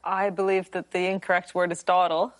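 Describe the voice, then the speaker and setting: A woman on a quiz show, answering in a measured and playful way. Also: lowish voice, flat delivery. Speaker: quiz contestant.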